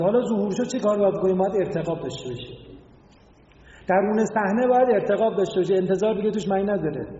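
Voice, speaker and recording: A man's voice: high voice, mellow. A man giving a religious lecture, explaining word meanings and asking his listeners rhetorical questions. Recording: echoey hall, dull lo-fi sound.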